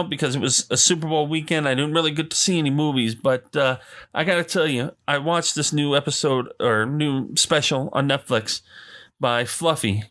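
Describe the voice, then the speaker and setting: On his casual solo podcast from Arizona, the host goes on an enthusiastic, meandering rant packed with fillers and side comments. He speaks in a mid-range, slightly bright voice.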